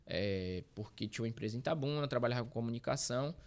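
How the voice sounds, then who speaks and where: A man's voice: mid-range voice, lively intonation, fast talker. Rambling Brazilian man telling his story. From Bahia, Brazil. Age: 30s. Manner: rambling, self-correcting, uses slang fillers. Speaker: guest, street reporter. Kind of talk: casual interview storytelling.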